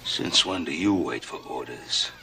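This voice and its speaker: An actor playing a stern, challenging western rancher who speaks in a deliberate, probing way. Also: male voice, very deep voice, lively intonation, sharp tone, recorded from a distance, a little hiss or hum, heavily acted. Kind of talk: 1950s television western acting.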